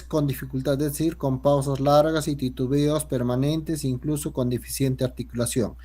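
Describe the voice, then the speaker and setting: A man's voice: on the high side, a little mellow. A man, teaching a language class. He explains a grading rubric and keeps checking in with his students. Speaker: Quechua teacher.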